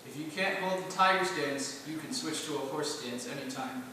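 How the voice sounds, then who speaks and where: A male martial arts instructor giving class instructions with sharp commands and counts. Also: fairly high pitch, normal speed. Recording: very echoey, noisy, far from mic.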